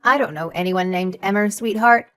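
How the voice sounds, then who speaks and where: A woman voices a condescending, distrustful old mother-in-law for a scripted audio drama, keeping to a mid-range pitch and moderate pace with only light acting. Her lines are sharp and scornful, peppered with "sweetheart" and "darling."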